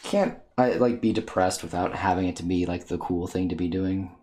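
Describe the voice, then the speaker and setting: A man's voice: low voice, normal speed, darkish tone, roomy sound, a little hiss or hum. A man chatting on a livestream with dry, sardonic humor. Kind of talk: casual chat.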